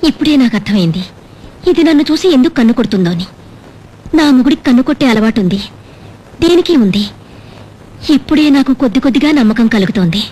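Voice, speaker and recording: A woman's voice: fairly high pitch, lively intonation, fast, long pauses, warm tone, breathy edge. A doting, gullible widowed mother. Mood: credulous. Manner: fussy and coaxing, melodramatic. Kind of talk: comic film scene acting. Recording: film audio with soundtrack music behind.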